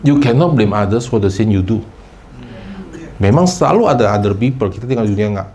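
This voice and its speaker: A male pastor preaching a sermon, lively and conversational, slipping into English phrases and acting out people's excuses in a higher voice. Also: fairly quick, slight background noise.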